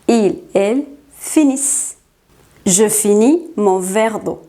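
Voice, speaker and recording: Slow, careful woman teaching French. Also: mid-range voice, warm tone. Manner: slow, careful dictation of conjugations. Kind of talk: language lesson.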